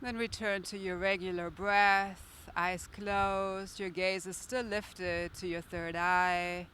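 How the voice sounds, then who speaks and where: A woman yoga instructor calmly guiding a breathing practice in a measured, soothing way. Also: fairly low pitch, a little hiss or hum.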